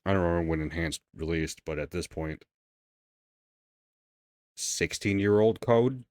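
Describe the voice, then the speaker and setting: A man's voice: low voice, a little slow, a little mellow, no room sound, clean studio sound. A man co-hosting a podcast in loose, casual chat, swearing freely and rambling. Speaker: podcast co-host.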